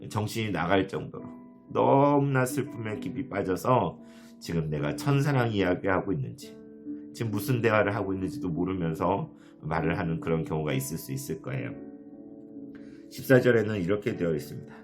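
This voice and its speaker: A man preaching a sermon as a pastor, earnest and soft, often asking the listeners questions. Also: low voice, expressive, a little fast. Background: soft guitar music.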